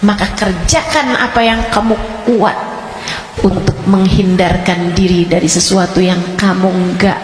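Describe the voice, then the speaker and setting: A woman preacher giving a sermon, urging her listeners with impassioned, repetitive exhortation that often rises to shouting. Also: mid-range voice, fairly even intonation, measured pace, a little hiss or hum. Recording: echoey hall, long reverb, faint music.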